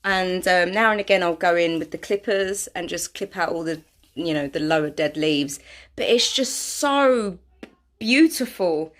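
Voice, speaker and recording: A woman's voice: on the low side, moderate pace. A woman chatting casually through a home vlog, self-deprecating and full of fillers. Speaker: vlogger. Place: home, indoors.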